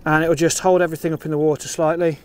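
Rattling off instructions at a rapid-fire pace, this middle-aged competition angler has a fairly high, smooth voice with little pitch movement. He's presenting a fishing film from an open boat on an outdoor lake, sounding casual and matter-of-fact amid water and boat noise.

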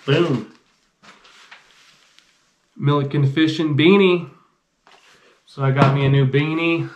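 A man's voice: fairly high pitch, fairly even intonation, takes it slowly, echoey room, dull audio, a little hiss or hum. A man in his thirties hosting a casual fishing unboxing vlog, talking in a laid-back, rambling way. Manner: laid-back, rambling, says "freaking" a lot. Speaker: fishing channel host. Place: small indoor gear room.

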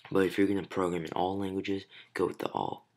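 A young man talks through a programming tutorial in a low, gravelly voice that sounds sick and hoarse. He keeps it casual, with plenty of ums and uhs between steps. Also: flat delivery, fairly quick, darkish tone. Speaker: tutorial host. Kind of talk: screen-recorded programming tutorial.

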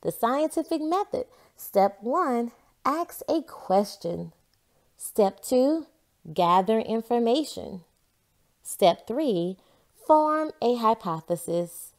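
A storybook reader with a fairly high-pitched voice reads aloud slowly and animatedly, giving expressive narration for children.

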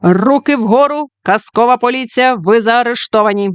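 A woman's voice: a little high, moderate pace, smooth, no room sound, voice pushed up, natural voice. Stern dog detective, played by a woman reader, commanding, solemn, fairy-tale police, dry close sound.

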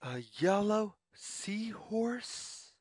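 A story reader with a mid-pitched, slightly husky voice reads a picture book aloud to young children, very unhurried and deliberate, laying out each phrase word by word. Her voice swings up and down sing-song fashion with lively intonation and a darkish tone. The studio-quality recording has no echo.

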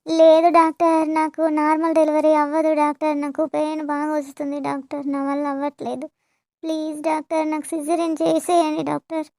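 A woman's voice: high-pitched, level tone, fairly quick, a little mellow, no echo. A woman voicing a young woman in labour who begs the doctor for help, in a cartoon. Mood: pleading. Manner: pleading, breathless. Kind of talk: cartoon voice acting.

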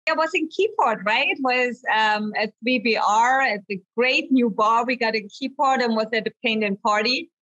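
A woman's voice: a little high, moderate pace, hardly any pauses, a bit bright, dull audio. A woman from Germany with a German accent, a guest artist chatting casually and laughing often. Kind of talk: casual conversation.

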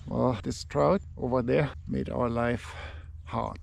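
A man's voice: medium pitch, slow, gravelly. A man in his thirties narrating a casual fishing vlog outdoors by a lake, chatty and a little unsure of himself, recorded on a handheld action camera. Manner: relaxed, chatty, unsure asides. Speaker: fishing vlogger. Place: outdoors by a lake and in a camper van.

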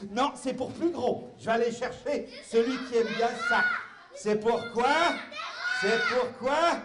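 Very high-voiced clown, playful. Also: male voice, animated, measured pace. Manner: playful, exaggerated exclamations, banters with the audience. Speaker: clown entertainer. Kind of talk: live clown show for children. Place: hall with a live audience. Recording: echoey hall, noisy crowd. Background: children's audience, clapping and chatter.

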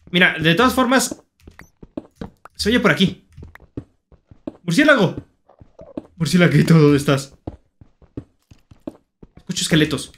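A young man with a Mexican Spanish accent, commentating his own Minecraft game for viewers, thinking aloud and shouting when he finds something or meets an enemy. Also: sits high, slight background noise. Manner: excitable, talks to himself and viewers, shouts at finds and enemies. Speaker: gaming YouTuber. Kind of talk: Minecraft let's play commentary.

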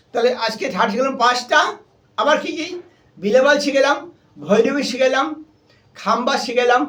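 High-voiced man teaching harmonium notes. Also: a bit bright. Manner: patient, repetitive explaining, naming notes aloud one by one. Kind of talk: step-by-step music lesson. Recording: voice a little far from the mic, with instrument playing.

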